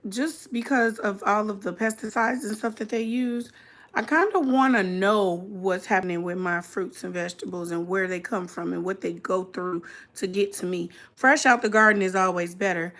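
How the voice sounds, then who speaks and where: A woman's voice: mid-range voice, a bit bright. A woman chatting casually and informally as a live-streamer, reacting to a video and talking directly to her viewers. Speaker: streamer hosting a reaction mukbang.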